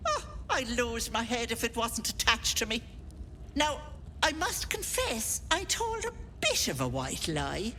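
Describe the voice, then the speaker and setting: A woman's voice: on the high side, very animated, unhurried, bright, forceful tone, faint music behind, heavily acted. A woman playing a doting, cloying old hag posing as a kindly auntie in a video game, folksy and bossy. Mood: cloyingly welcoming. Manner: folksy, cloying endearments, turning sternly bossy. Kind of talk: video game character acting.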